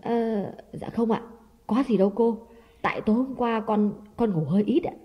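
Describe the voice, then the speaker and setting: A man's voice: sits high, moderate pace, in a large hall, lo-fi sound, voice pushed up, close to an everyday voice. A man voicing a timid young maid who stammers hesitant, tearful excuses.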